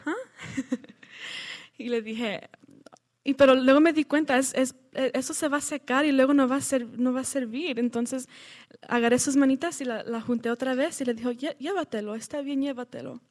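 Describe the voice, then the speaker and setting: A woman shares a testimony in church. She tells it earnestly and conversationally, stopping to restart her sentences, in a fairly high voice. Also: fairly even intonation, normal speed. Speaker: church member sharing a testimony.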